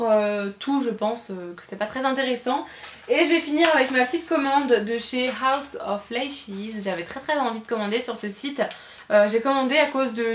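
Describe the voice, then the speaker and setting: A beauty vlogger with a slightly high voice chats casually through a shopping haul video in an echoey room. She gushes, repeats words for emphasis and hesitates often.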